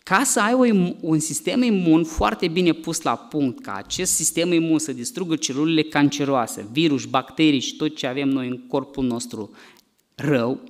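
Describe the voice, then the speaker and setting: A middle-aged man, a doctor, giving a lively health lecture to a church congregation, asking the audience questions and acting out cries. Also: on the high side. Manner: animated, asks the audience questions, acts out cries.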